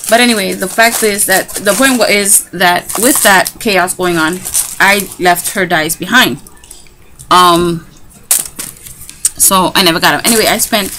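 A woman talking casually on a craft haul vlog, telling a rambling, animated story about her shopping trip. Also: fairly low pitch, low-quality recording. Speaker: craft vlogger. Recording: clicky background noise.

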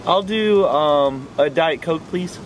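A man's voice: a little high, takes it slowly, a little hiss or hum. A man ordering food at a drive-through from his car, polite and raised up for the speaker box. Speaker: food vlogger.

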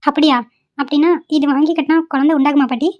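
A woman's voice: high voice, fairly even intonation, fast talker, a little mellow, muffled recording, lightly acted. A woman voicing a stubborn, devoted young wife in a cartoon, pleading and insistent. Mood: gentle. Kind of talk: cartoon voice acting.

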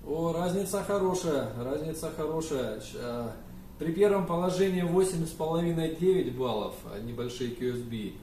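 Here the same kind of young ham radio operator, medium in pitch with a dark tone, makes contacts and spells call signs aloud. The setting is a compact room fitted with a radio desk and computers, and the recording picks up echo, faint noise, and a distant mic.

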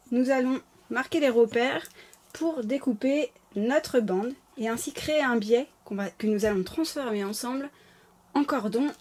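A woman's voice: on the high side, a little mellow, a little hiss or hum. A woman with a slight lisp giving informal, apologetic, step-by-step craft instructions as a tutorial host. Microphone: camera placed close over the work table.

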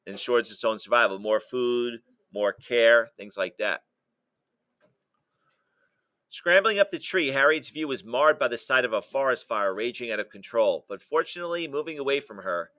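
A male teacher reading a humorous picture book aloud to students, breaking off to explain the jokes and ask the class questions. His voice is bright and sharp, and the recording is dry and close. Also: mid-range voice, animated, moderate pace, no echo. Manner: stops to explain jokes and quiz listeners.

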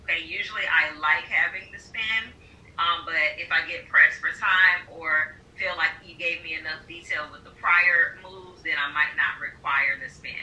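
Brisk woman instructor heard from afar. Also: low-pitched, steady tone, sharp tone, highs cut off. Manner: brisk, directive, checks in with "okay?". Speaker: pole dance instructor trainer. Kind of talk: classroom instructions. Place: pole dance studio, indoors. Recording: distant voice in an echoey studio.

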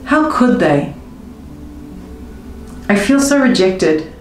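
A woman coaching viewers through a tapping session, speaking slow, emotive first-person affirmations. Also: medium pitch, very animated. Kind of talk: guided tapping script spoken in first person. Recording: roomy with faint music behind.

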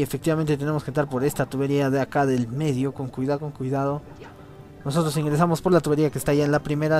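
A chatty man narrates a platform game as he plays, voice sitting a little high. He keeps cheering on his partner with quick bursts of exclamation while faint game music runs underneath. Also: darkish tone. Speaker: let's play commentator. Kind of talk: casual gameplay commentary.

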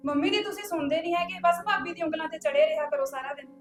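A woman's voice: fairly high pitch, fairly even intonation, brisk, a little mellow, lightly acted. A young woman playing a hurt, resentful sister who sulks and answers back defiantly, with faint music behind. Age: young adult.

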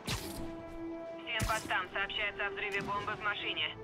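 A curt, official dispatcher calls all units over the police radio in a slow, formal way. His voice sits high. Loud game music plays behind him. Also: level tone. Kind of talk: video game voice acting.

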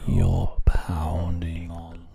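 A man performing a whispered, layered ASMR reading of lyrics with deliberate, drawn-out phrasing. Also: low voice, monotone, gravelly, warm tone, a little hiss or hum.

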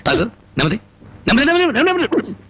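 A fierce, volatile avenger. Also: male voice, very high-pitched, wildly swooping pitch, very fast, heavily acted. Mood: threatening. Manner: menacing, theatrical, bullying. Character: fierce middle-aged man, vengeful and volatile. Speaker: avenging villager hero. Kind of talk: Telugu film acting. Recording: film soundtrack with score underneath.

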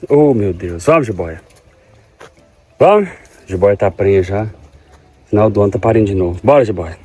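A Goiás farmer who vlogs chats gently with his cows outdoors beside a corral, in a laid-back farm video. He speaks a little fast in a lowish, mellow voice with a breathy edge.

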